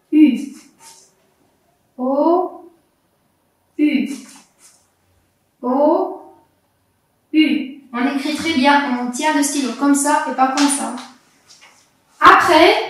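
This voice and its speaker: A high-voiced woman teacher talks slowly and deliberately to young children, spelling out each letter and syllable. Her voice rings through a very echoey classroom, picked up from some distance away. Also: fairly bright tone. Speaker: primary school teacher. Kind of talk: slow, carefully articulated lesson for young children.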